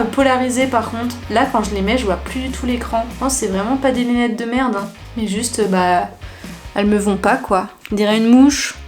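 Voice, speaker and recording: A woman's voice: a little high, darkish tone. A young woman vlogger chatting casually and informally, showing clothes to the camera with slang and fillers.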